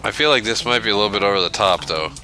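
A man joking and reacting loudly while he and a friend play a video game together. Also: fairly low pitch, racing. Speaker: gamer. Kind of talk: casual co-op gameplay commentary.

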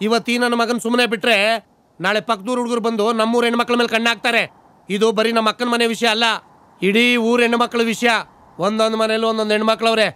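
An actor playing a hot-tempered village uncle who shouts threats and insults in a film. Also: male voice, very high-pitched, clean tone. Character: hot-tempered loud village uncle, middle-aged man. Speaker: girl's maternal uncle.

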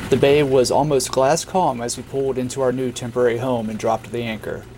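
A middle-aged man reading a calm, matter-of-fact narration of a sailing trip. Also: medium pitch, fairly quick, background noise. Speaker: sailing vlogger. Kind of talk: scripted voice-over narration.

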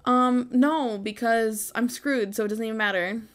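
A woman's voice: fairly high pitch, measured pace. A woman hosting a gaming video with casual, informal, self-deprecating commentary.

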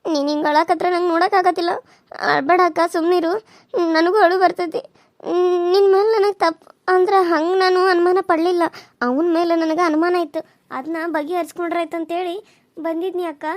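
A woman's voice: very high voice, steady tone, brisk, dry recording. Woman voicing earnest young village girl. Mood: coaxing. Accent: North Karnataka. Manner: coaxing, apologetic. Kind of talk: cartoon serial voice acting.

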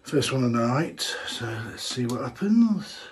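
A man's voice: medium pitch, sing-song, a little slow, slight background noise. A man, chatting casually as he tastes a homebrewed beer in a small home brewing room, thinking aloud with plenty of fillers. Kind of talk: casual tasting vlog.

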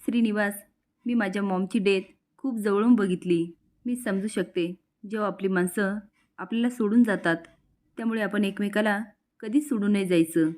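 A woman voicing a gentle young woman recovering in hospital, speaking softly and from the heart. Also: medium pitch, fairly even intonation, normal speed, lightly acted. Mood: heartfelt.

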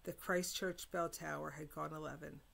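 A woman reading a chapter of a novel aloud, giving the dialogue quiet voices in a measured, even delivery. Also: low voice, vocal fry. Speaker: reader.

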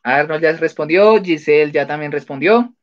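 A man hosts a casual spelling quiz on a live stream, talking at normal speed in a voice on the high side. He's chatty, laughing often as he reads out the answers, and the sound is dull and lo-fi.

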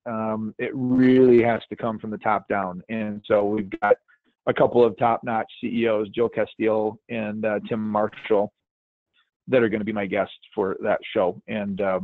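A man's voice: on the low side, no room sound. A man co-hosting a webinar over an online call, chatting casually and rambling with fillers and restarts. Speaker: podcast host and webinar co-presenter. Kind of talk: casual conversational webinar talk. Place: at a conference, joining remotely. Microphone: online call audio. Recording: tinny call-line audio, dry.

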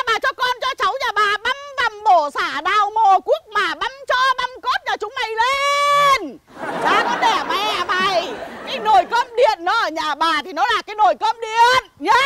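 A woman playing a hot-tempered village mother who curses a thief in shrill, rhythmic rants. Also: heavy background noise. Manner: shrill, ranting, rhythmic cursing. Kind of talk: comedy sketch acting.

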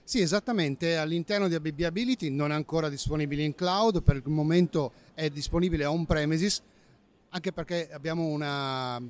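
A man in his fifties with a slightly high voice gives a product demo into a handheld microphone. He explains steadily, correcting himself now and then, at an indoor trade fair stand. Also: a little fast. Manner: explanatory, fluent with self-corrections. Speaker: company safety manager. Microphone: handheld interviewer mic.

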